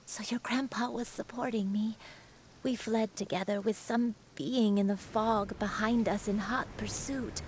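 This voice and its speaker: A frail old grandmother for a game. She talks slowly and softly, her light voice often sinking into a breathy hush. It is a kind, patient manner. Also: a little high, slight background noise. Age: older. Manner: soft-spoken, slow, often breathy and hushed. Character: frail, gentle elderly grandmother. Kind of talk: game voice acting.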